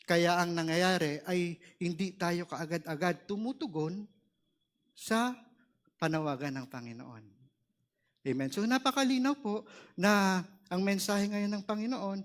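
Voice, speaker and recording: A man preaching a sermon in an earnest manner, asking for amens and rising in pitch on key words. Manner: earnest, asks the room for "Amen", rises sharply on key words.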